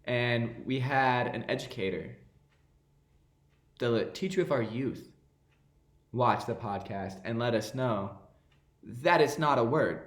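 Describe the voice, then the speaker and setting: A man co-hosting a podcast, teasing his friend with animated, mock-indignant banter. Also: mid-range voice, takes it slowly, pauses often. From New York. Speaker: podcast co-host. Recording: roomy echo.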